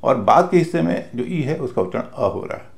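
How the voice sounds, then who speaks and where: Slow and deliberate, this male pronunciation teacher spells words out one letter at a time. His voice is medium-pitched and creaky, with big swings in pitch.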